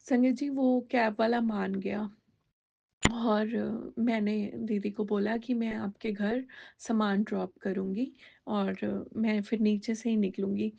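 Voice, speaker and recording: A woman's voice: medium pitch, fairly even intonation, unhurried, creaky, mellow, lo-fi sound. A woman telling a personal devotional testimony in a conversational way, slipping English words into her talk with many fillers.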